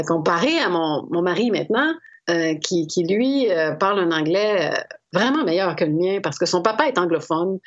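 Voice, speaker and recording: A middle-aged woman with a Québécois French accent, explaining as an interview guest in a thoughtful, hesitant way with frequent fillers. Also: on the low side. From Quebec. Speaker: guest expert on Japan. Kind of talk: conversational explanation. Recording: slightly dull lo-fi audio.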